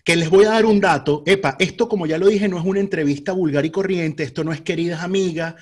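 Playful man hosting a podcast, higher voice. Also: fast. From Venezuela. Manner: playful, joking introductions. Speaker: podcast host. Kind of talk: casual podcast chat. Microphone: video call.

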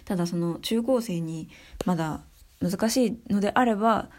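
A young adult woman giving her views in a casual spoken monologue, soft and thinking aloud with many fillers. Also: mid-range voice, normal speed. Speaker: speaker sharing views on education.

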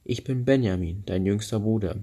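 A man voicing a kind youngest brother, a gentle boy in a fairy tale he reads aloud, in a plain, even storytelling tone. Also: lowish voice, moderate pace. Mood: earnest.

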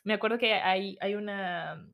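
A woman's voice: medium pitch, normal speed, vocal fry, a bit bright. A young adult woman hosting her own podcast, talking casually and reflectively and often tagging her points with rhetorical questions. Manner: chatty, tags remarks with rhetorical questions. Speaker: podcast host.

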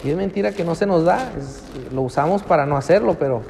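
Here the middle-aged pastor, Mexican Spanish accent and all, talks fast in a slightly high, slightly mellow voice with vocal fry. His sermon in the church hall is emphatic and packed with rhetorical questions, recorded with long reverb and slight background noise.

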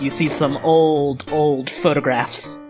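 A game master describes a hotel room to the players in a relaxed, filler-filled way. The voice sits mid-pitch. Music plays clearly behind the narration. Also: slow pace. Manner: casual, filler-heavy narration with frequent "like". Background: background music.

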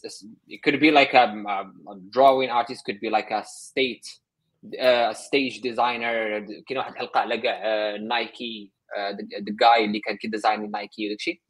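A man's voice: mid-range voice, fairly bright tone, husky, low-quality recording. A man with a Moroccan accent talking casually and giving recommendations, switching often between Arabic and English. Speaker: panel participant sharing recommendations. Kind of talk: casual talk recommending resources.

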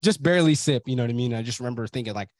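A man's voice: mid-range voice, rapid-fire, a little mellow, no echo. A young man hosting a podcast, telling stories in casual chat and swearing often. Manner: profane, storytelling, swears often. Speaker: podcast host.

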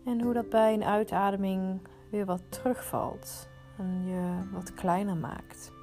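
Slow, mellow woman guiding meditation. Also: medium pitch, fairly even intonation, faint music behind. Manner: soothing, unhurried instruction with pauses. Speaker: meditation guide. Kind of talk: guided meditation.

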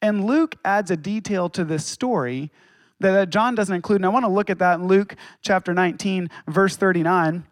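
A man preaching a sermon as pastor, with dramatic pauses and acted quotes. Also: high-pitched, no echo, studio quality.

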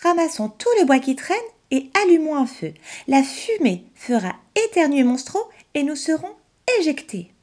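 A woman voicing an eager young male wooden puppet in a storybook reading, calling out in shrill, excited bursts. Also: moderate pace. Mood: determined.

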